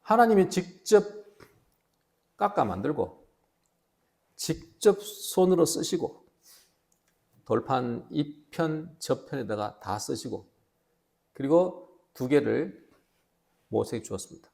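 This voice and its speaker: A male pastor with a Gyeongsang Korean accent, preaching a sermon with emphatic, animated storytelling. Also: fairly high pitch, slow pace, gravelly, pauses often. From Gyeongsang region, South Korea.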